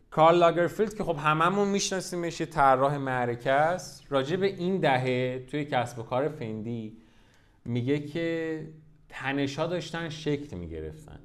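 A man hosting a podcast, telling a brand's history in a casual, lively storytelling way with rhetorical questions. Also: medium pitch. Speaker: podcast host.

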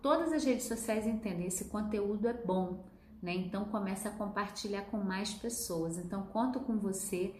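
A woman who hosts a self-help talk and gently guides viewers, speaking to them directly. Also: medium pitch, normal speed, slight background noise. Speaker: host, emotional wellness guide. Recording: roomy echo, faint ambience.

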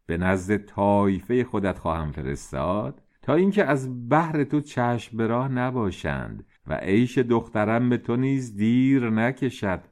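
A man's voice: medium pitch, hardly any pauses, natural voice. Man reading as a young confident prince. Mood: resolute. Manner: calm, formal old-fashioned speech. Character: young strong self-assured male prince.

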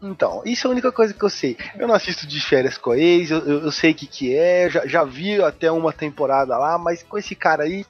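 A man's voice: fairly high pitch, animated, fast talker, hardly any pauses, highs cut off, soft background music. A man with a Brazilian accent hosting with casual, irreverent and slangy comedic commentary. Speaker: podcast host.

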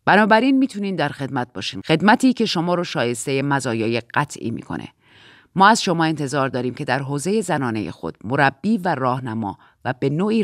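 A woman reading an audiobook, voicing a stern middle-aged male commander who lectures slowly and coldly. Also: a bass voice, no room sound, clean studio sound.

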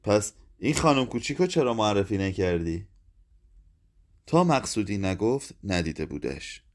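A man narrating a literary short story in a measured, even reading voice. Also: on the low side. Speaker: audiobook narrator. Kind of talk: scripted narration.

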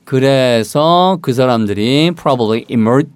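Man, English teacher, animated delivery, pitch swings wide, dry studio voice. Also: slow pace, smooth, no room sound. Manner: animated, acts out story lines in a high voice. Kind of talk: bilingual English lesson.

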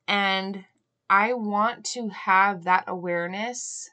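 A young woman hosting a solo podcast, talking earnestly and reflectively, often pausing on "um" and asking "right?", with an occasional cough. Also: mid-range voice, sharp tone. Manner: earnest, musing, frequent "um" and "right?". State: coughing now and then. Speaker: podcast host.

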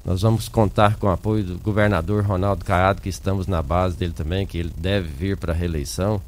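A male local politician speaks in a radio interview. His voice is fairly low, and he often checks in with short tag questions. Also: fairly even intonation, a little fast, slight background noise. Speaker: politician, city council president being interviewed. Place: radio studio.

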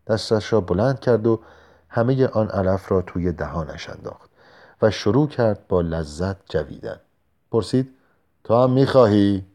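A man calmly narrating a novel in a measured storytelling voice. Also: lowish voice. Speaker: audiobook narrator. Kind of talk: scripted narration.

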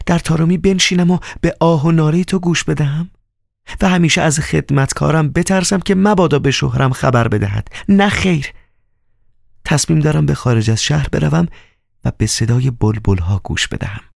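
In a studio-quality audiobook recording with no room sound, a man pushes his slightly high, gravelly voice up to play a proud, cold young woman. The character comes across cold and haughty, with a biting, teasing, coquettish manner.

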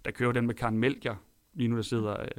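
A man's voice: medium pitch, steady tone, dry recording. A man chatting casually on a podcast, blunt and opinionated.

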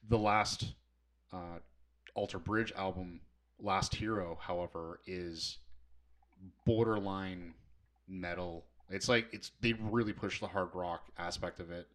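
A man's voice: deep voice, steady tone, slow, a bit bright. A man co-hosting a podcast in casual chat, enthusiastic and rambling as he talks. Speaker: podcast co-host.

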